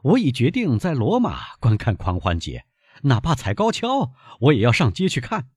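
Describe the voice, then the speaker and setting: A man reading aloud, voicing an impulsive, spirited young gentleman who exclaims eagerly. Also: mid-range voice, wildly swooping pitch, normal speed, husky, dry recording, clean studio sound, voice pushed up. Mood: headstrong.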